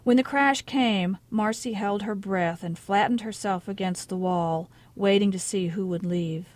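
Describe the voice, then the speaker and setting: A woman author giving a measured, quiet literary reading of her own short story in a radio studio. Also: mid-range voice.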